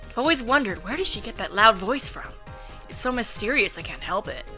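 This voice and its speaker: A woman narrates a visual novel in the first person, as an amateur reader. Her voice is very bright and crisp-edged at a medium pitch, with music underneath. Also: big pitch swings, fairly quick.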